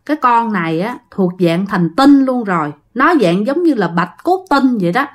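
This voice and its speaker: A woman's voice: mid-range voice, sing-song, moderate pace. Knowing old fortune-teller, as a woman puts him on. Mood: lecturing. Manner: lecturing, knowing. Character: shrewd older male fortune-teller, confident.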